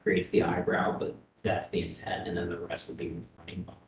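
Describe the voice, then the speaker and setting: A man presenting an architectural design at a public meeting, halting, with many fillers. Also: low-pitched, monotone. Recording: echoey room with faint noise.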